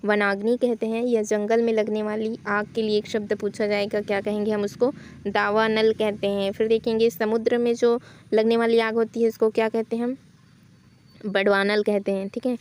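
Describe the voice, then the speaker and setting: A woman's voice: on the high side, little pitch movement, moderate pace, a little mellow, a little hiss or hum. A woman teaching a Hindi spelling lesson for exam practice, explaining each answer step by step and asking questions as she goes.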